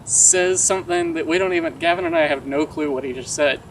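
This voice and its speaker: A man's voice: sits high, wildly swooping pitch, a little fast. A young American man casually telling an anecdote, swearing freely and animatedly acting out quoted dialogue. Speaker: vlogger telling a story. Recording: distant mic, clear outdoor traffic noise.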